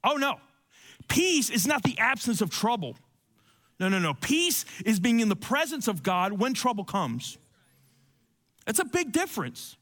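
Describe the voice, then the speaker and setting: High-voiced emphatic male preacher. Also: very animated, normal speed, pushed and bright. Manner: conversational, emphatic, repeats phrases. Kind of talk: sermon.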